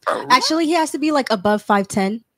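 A woman, a podcast guest giving halting, hesitant answers. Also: sits high, lively intonation, bright, forceful tone, dry recording, studio quality. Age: 20s. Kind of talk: casual panel chat.

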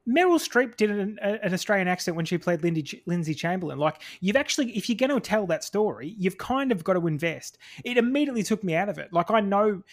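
A man co-hosting a podcast, talking in a casual review chat, animated and opinionated, acting out quotes as he argues. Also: sits high, fast talker, hardly any pauses. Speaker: podcast co-host.

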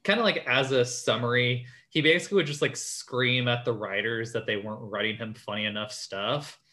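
A man's voice: medium pitch, fairly quick, bright, forceful tone. Rambling young man telling a story. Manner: rambling storyteller, heavy use of "like". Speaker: podcast host. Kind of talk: casual chat.

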